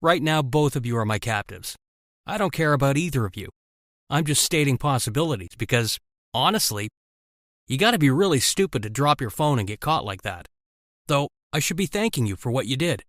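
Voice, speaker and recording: A man voicing a sarcastic, taunting villainous captor in an animated story. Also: mid-range voice, a little fast, no room sound, clean studio sound, lightly acted. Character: sneering villainous middle-aged male captor.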